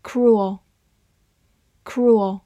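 A woman teaching English vocabulary in a scripted lesson, spelling each word letter by letter and reading example sentences slowly. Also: mid-range voice, fairly even intonation, mellow, dry recording, highs cut off.

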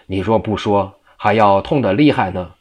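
A man's voice: lowish voice, moderate pace, natural voice. A man reading as a teasing, stern old monk. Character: eccentric mocking monk, middle-aged man.

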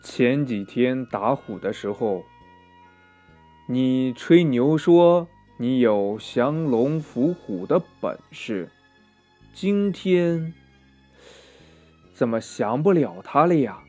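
Gentle monk master, man doing the voice, low, soft, chiding, worried, children's storybook. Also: lively intonation, slow pace, pauses often, lo-fi sound, soft background music.

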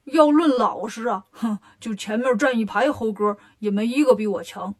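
A woman's voice: on the high side, moderate pace, natural voice. A woman voicing a jealous, boastful pig disciple in a children's storybook tale, drawling and self-satisfied. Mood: smug.

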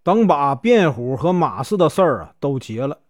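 A man with a Northeastern Chinese accent telling a traditional story in a chatty, lively way. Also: on the high side, normal speed. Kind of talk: storytelling narration.

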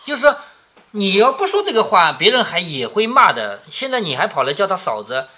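A man's voice: high-pitched, wildly swooping pitch, brisk, sharp tone, full character voice. A man reading aloud the lines of an exasperated young nobleman, in a reproachful manner.

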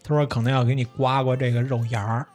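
A man's voice: mid-range voice, level tone, fast, a little mellow, soft background music. A young man, a podcast host telling a story in casual chat, swearing and laughing often. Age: young adult.

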